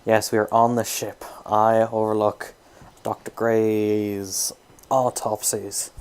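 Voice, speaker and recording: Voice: mid-range voice, flat delivery, slow pace, darkish tone, clear, resonant tone. A player chatting casually before a tabletop game, making playful, dry remarks. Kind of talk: casual chat.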